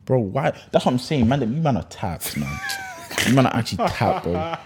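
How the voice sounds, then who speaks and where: A man in his twenties speaks in a London roadman accent full of slang. His delivery is lively and emphatic, with big pitch movement and a slightly raspy edge, as in a heated debate among friends. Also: moderate pace. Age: 20s. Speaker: podcast co-host. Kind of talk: heated casual banter with friends.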